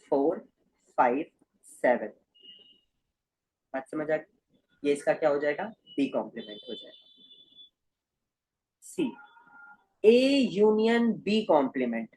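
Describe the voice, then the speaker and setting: Hindi math teacher walking through set examples. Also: male voice, on the high side, low-quality recording. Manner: repeats check-in questions to students. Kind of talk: explaining a lesson. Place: recorded at a screen with slides.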